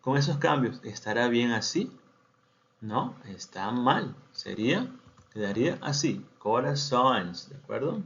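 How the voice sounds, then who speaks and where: Guy teaching a language class, slow careful model sentences, kinda dull lo-fi audio. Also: mid-range voice, expressive, fairly bright tone. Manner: slow model sentences, then quick explanations with frequent "¿de acuerdo?". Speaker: Portuguese teacher. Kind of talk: language lesson. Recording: dull lo-fi sound.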